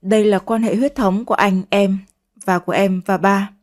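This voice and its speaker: A woman voicing a calm young man who reassures his younger sister as a protective older brother. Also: medium pitch, normal speed, natural voice. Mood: reassuring.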